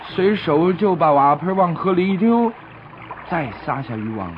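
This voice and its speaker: A man's voice: fairly high pitch, sing-song, normal speed, a little hiss or hum. A man narrating a scripted story for children, explaining things simply and expressively as if to small listeners. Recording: dull lo-fi recording with music behind.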